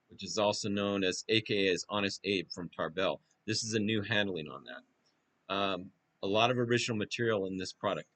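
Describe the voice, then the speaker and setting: A man presenting his own course as an instructor, informally running through a long list in a halting, repetitive way. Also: on the low side, fairly bright tone. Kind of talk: informal product pitch, reading through a list.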